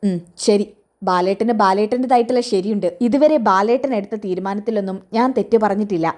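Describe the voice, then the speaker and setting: A woman's voice: medium pitch, a little fast, darkish tone, natural voice. Woman doing a whiny loyal sidekick man. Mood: fussy. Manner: whiny, complains. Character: fussy loyal male sidekick, complaining.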